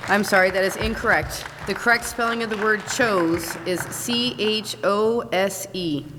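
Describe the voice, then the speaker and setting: A woman acting as a spelling bee pronouncer, reading each word in a formal, precise, even manner, in a large school hall. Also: mid-range voice. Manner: measured, even, precise diction. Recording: echoey hall, loud crowd noise.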